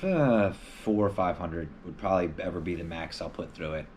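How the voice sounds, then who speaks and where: A man's voice: low-pitched, moderate pace, darkish tone, a little hiss or hum. A man hosting a casual live stream from home, answering viewer questions in a loose, rambling way with lots of filler words.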